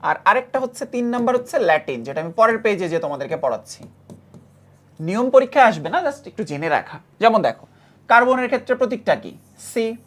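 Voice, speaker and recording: A woman teaching a chemistry class with a Bangladeshi Bengali accent. She repeats key facts and asks the students quick questions. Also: a little high, very animated. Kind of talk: classroom lecture.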